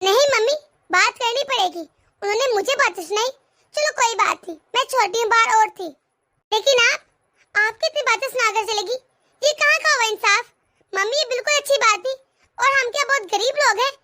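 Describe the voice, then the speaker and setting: A woman's voice: very high voice, moderate pace, sharp tone. A woman voicing a spirited young girl in a cartoon, speaking with hurt, outspoken indignation. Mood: indignant. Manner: pleading, indignant. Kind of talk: animated cartoon voice acting.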